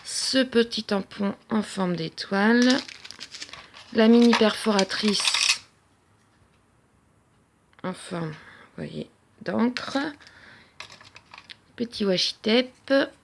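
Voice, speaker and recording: A woman talks casually through her craft haul at home, pausing with plenty of fillers. Her voice has a gravelly fry at a middle pitch. A faint hiss of noise sits under the recording. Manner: chatty, hesitant with many fillers. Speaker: crafting vlogger. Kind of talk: casual haul show-and-tell.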